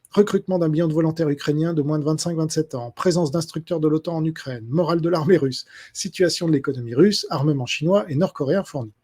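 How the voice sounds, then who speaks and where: A man's voice: fairly high pitch, dark tone, slightly rough. A man answering his subscribers' questions in a casual spoken monologue, hesitant and full of fillers and restarts.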